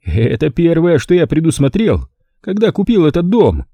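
A man's voice: a little high, very animated, normal speed, dark tone, husky, no room sound, voice pushed up, heavily acted. A man reading an audiobook, voicing a playful, boastful middle-aged club owner in a raised voice. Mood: gleeful. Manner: gleeful, condescending, boastful. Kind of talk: audiobook character voice.

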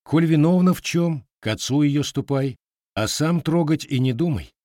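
A man's voice: a little high, normal speed, mellow, dry recording, studio quality, pitched above the performer's own voice, close to an everyday voice. A man voicing a firm, mocking young Cossack hunter in an audiobook. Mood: wry.

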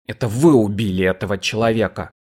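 A man's voice: lowish voice, fairly quick, darkish tone, husky. A man voicing an irritable, sarcastic doctor who talks sharply. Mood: irritated. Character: irritable, scheming male doctor.

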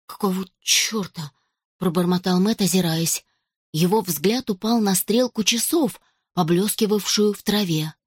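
A woman reading a children's adventure story aloud as narrator, steady and expressive. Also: mid-range voice, normal speed, breathy edge, no echo, clean studio sound. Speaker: audiobook narrator.

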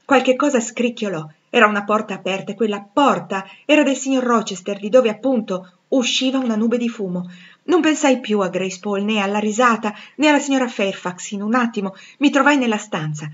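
A woman's voice: a little high, fairly quick. A woman reading a classic novel aloud with drama, dropping almost to a whisper at tense moments. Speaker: audiobook reader. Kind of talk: expressive literary reading. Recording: slightly dull lo-fi recording.

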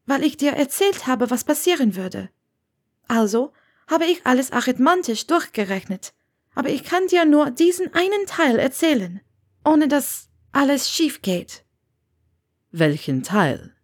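Female audiobook reader, calm and even, slightly high voice. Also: husky. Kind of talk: fan fiction audiobook reading.

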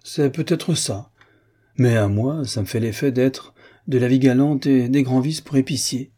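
A man reading aloud plays a frank, witty young society lady with a candid, teasing tone. The voice rides higher than his own and stays mellow and slightly husky, like a storybook scene. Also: measured pace.

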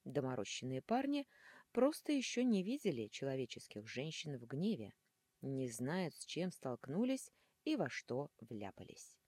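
A woman narrates a first-person fantasy audiobook in a low, dark, husky voice. Her delivery is animated and dramatic, with wide swings in pitch. The recording is close and dry. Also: unhurried, dry recording. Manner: animated, dramatic, shifting into hissing whispers.

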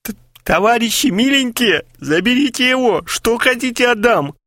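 A panicky, stingy young man whines and pleads in a very high, stammering voice, put on by a male audiobook reader. Each line swings up and down in pitch. The recording is dry and close. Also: sing-song, moderate pace, gravelly, a bit bright, dry recording, exaggerated voice. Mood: panicked pleading.

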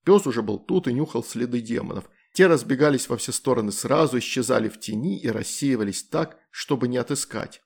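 A man narrates a fantasy storybook at an even, measured pace. His voice sits mid-pitch with a noticeable gravelly fry. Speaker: audiobook narrator.

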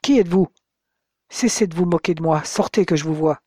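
A man's voice: fairly high pitch, normal speed, darkish tone, slightly rough, no echo, studio quality. A reader doing a wary man in his forties. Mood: demanding. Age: 40s. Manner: tense calls, then hesitant questions. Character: middle-aged man, wary, unsettled.

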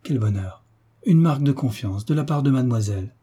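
A man's voice: mid-range voice, animated, a little fast, mellow, slightly rough. A man voicing a devoted, fawning governess in an audiobook, fussy and deferential. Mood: flustered. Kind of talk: audiobook character reading.

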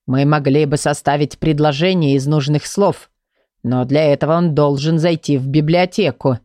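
Storybook woman voicing a pompous male curse book, low, slow, dry. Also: fairly even intonation, warm tone, dry recording, natural voice. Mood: self-important. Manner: slow, self-important.

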